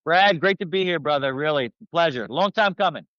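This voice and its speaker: A brash, sarcastic, salty man from Philadelphia, a publicist and commentator, talks casually as a guest, veering into political commentary. His fairly high voice is animated, fairly quick and fairly bright, with no room sound, though the microphone is slightly dull.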